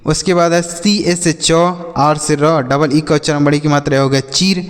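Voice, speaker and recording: A man's voice: a little high, steady tone, moderate pace. A patient male teacher with a slightly raised voice gives a phonics lesson to children. He repeats each point and asks questions that he answers himself. The recording has a long, ringing reverb. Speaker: English teacher.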